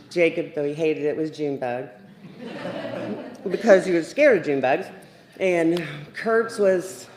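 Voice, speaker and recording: A middle-aged woman giving a memorial eulogy, a lively storyteller who acts out the lines of the people in her stories. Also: low voice. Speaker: eulogy speaker. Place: memorial service room. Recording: echoey livestreamed room.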